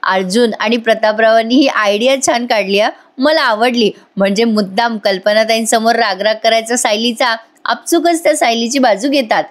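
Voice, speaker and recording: Woman reviewer, chatty voice-over, talks straight to viewers, fairly high voice. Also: normal speed, few pauses. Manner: chatty, addresses viewers directly. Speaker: TV serial reviewer.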